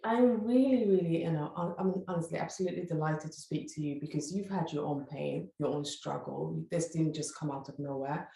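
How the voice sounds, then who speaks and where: Woman podcast host, low gravelly voice, super enthusiastic, trips over words sometimes, echoey room w faint music. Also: a little fast, few pauses, dark tone. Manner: effusive, stumbles over words. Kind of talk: enthusiastic interview hosting.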